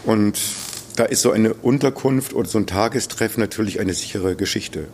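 A man explaining his work in an interview, a little halting as he searches for words. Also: on the low side, a little mellow, slight background noise. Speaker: interviewee, homeless aid volunteer.

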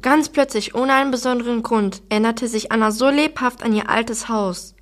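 A woman reading a children's novel aloud in steady storytelling. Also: fairly high pitch, moderate pace.

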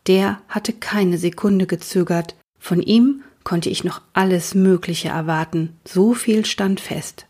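Breathy woman reading a children's book. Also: medium pitch, takes it slowly, hardly any pauses. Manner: gentle, addresses young listeners directly. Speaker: host of a book reading series.

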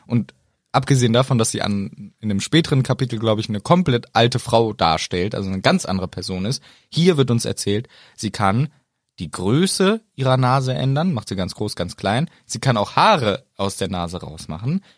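A man co-hosting a podcast, talking in a playful way and laughing often. His voice sits at an ordinary pitch. The recording is dry, with no room sound. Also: lively intonation, normal speed, no room sound. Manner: playful, laughs often, plays word games. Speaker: podcast co-host. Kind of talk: casual chat.

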